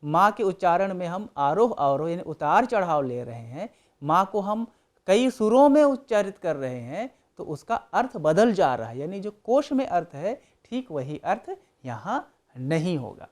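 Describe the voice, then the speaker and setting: A lecturer giving a recorded academic lesson, talking deliberately, pausing and repeating key terms. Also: mid-range voice, big pitch swings.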